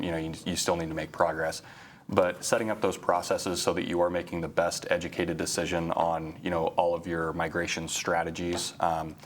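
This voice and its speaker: Low flat monotone guy, lots of ums, slight hiss. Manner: hesitant, many "um" and "you know" fillers. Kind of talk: livestream panel discussion.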